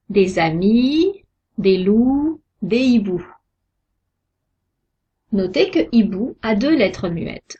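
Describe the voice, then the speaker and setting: A woman giving a scripted pronunciation lesson, sounding out each example word slowly and carefully. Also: fairly high pitch, a little mellow, husky. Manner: slow, careful, deliberate articulation of example words. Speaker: French pronunciation teacher. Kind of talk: slow scripted lesson narration. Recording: dull lo-fi recording.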